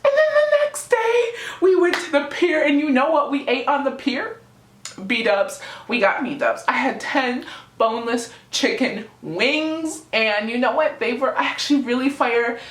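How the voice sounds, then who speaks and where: A woman's voice: sits high, lively intonation, a little slow. A young woman rambling through a casual, slangy storytime in a giggly, drunk manner. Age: young adult. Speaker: vlogger telling a personal story. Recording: roomy, echoey room sound.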